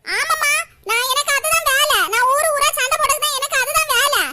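A woman voicing a loud, sharp-tongued village woman in a cartoon, scolding and sarcastic. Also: very high voice, heavily acted. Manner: scolding, sarcastic, rapid complaints. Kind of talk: animated cartoon voice acting.

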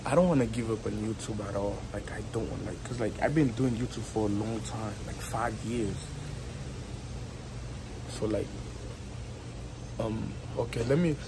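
Pausing often at a normal pace, a young Haitian-accented YouTuber with a fairly low voice chats loosely to his phone held out at arm's length. He's outdoors by a house wall on a patio, and his filler-laden, repetitive vlog talk with laughs is picked up along with background noise.

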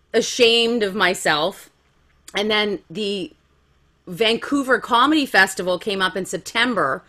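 A woman's voice: mid-range voice, pushed and bright. A woman in her forties, a comedian guest telling stories about her career in a frank, self-mocking way and laughing easily. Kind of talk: candid conversational storytelling.

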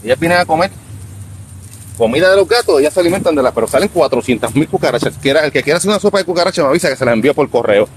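A man in his fifties with a Puerto Rican accent, rambling casually on a live stream outdoors by a beach, talking to himself and halting when he tries English. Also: on the high side, animated, a little hiss or hum, rough recording. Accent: Puerto Rican Spanish. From Puerto Rico. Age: 50s.

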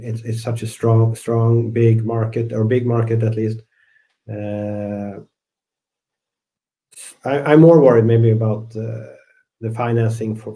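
A middle-aged man from Sweden, a guest fund manager, talks through the markets in a low, flat voice. His tone is mellow and he is measured, often repeating a word before going on. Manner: measured, repeats words while searching for phrasing. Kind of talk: interview answers.

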